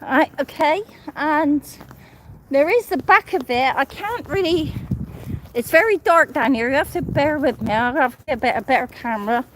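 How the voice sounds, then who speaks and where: High-voiced rambling woman. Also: animated, moderate pace, noisy background. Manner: rambling, repeats and restarts phrases. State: a little out of breath. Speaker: vlogger. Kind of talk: casual live walking tour. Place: outdoors on streets at night. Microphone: phone held while walking.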